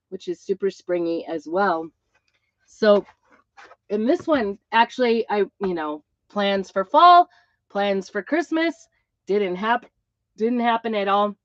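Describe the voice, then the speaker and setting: A woman's voice: mid-range voice, no echo. A middle-aged woman who is ill with a cough, chatting casually and ramblingly as host of a live craft stream, with a tin-can sound. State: ill with a cough and plugged ears. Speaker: craft channel host, music teacher. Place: inside an Airstream trailer. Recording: dull, boxy tin-can sound, close and dry.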